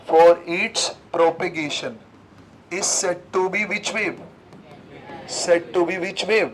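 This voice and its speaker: A man's voice: high-pitched, darkish tone, slight background noise, low-quality recording. A man teaching a physics class, constantly asking his students questions and repeating the key terms. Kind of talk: classroom lecture.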